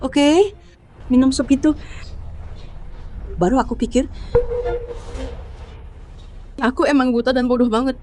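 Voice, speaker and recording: A woman's voice: high voice, steady tone, measured pace, long pauses, a little mellow. Woman dubbing a cold betrayed wife. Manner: cold, cutting. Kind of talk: dubbed drama acting. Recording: background hiss.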